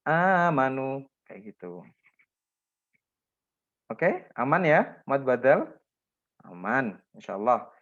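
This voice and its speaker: A man's voice: mid-range voice, muffled recording. A man teaching Quran recitation rules to a class, patiently explaining and modeling example words, often checking in with his students. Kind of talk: classroom lesson on tajwid rules.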